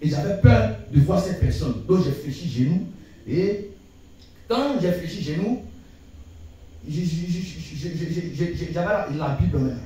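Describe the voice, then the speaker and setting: A man giving a church testimony, telling it in an animated way with many repetitions and stammers. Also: high voice, measured pace, slight background noise. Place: church hall. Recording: echoey church hall mic from a distance.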